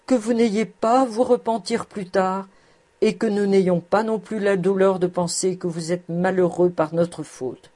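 A woman's voice: mid-range voice, mellow, natural voice. A woman reading an earnest old farmer. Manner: earnest, pleading. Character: humble old male farmer, earnest and emphatic.

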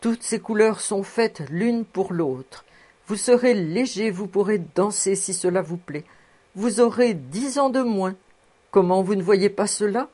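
Here a woman plays a toothless sixty-four-year-old housekeeper, cheerful and fussy, laughing softly as she coaxes. She speaks in a mid-range, dark-toned voice at a measured pace, with light acting.

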